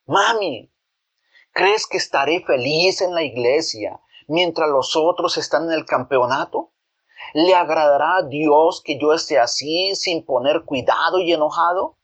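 A man's voice: a little high, expressive, measured pace, a bit bright, voice pushed up. A man voicing a young boy who begs his mother insistently, repeating "mami" over and over in a raised storybook voice. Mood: pleading. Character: pleading young boy, eager football player. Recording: dull lo-fi recording.

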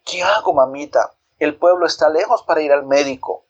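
A frightened little boy, as a male storyteller puts him on cries out in a high, urgent voice. His frantic pleas carry a husky grain. The recording sounds dull and lo-fi. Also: moderate pace, close to an everyday voice. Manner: frantic, high-pitched pleading. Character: scared little boy calling for help.

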